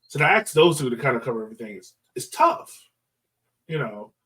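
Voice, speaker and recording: A man with a medium-pitched, fairly bright voice talks a little fast and very animatedly, picked up from a distance on a rough recording. He hosts a soccer podcast, working through casual sports analysis in a conversational style stuffed with fillers like "like" and "you know."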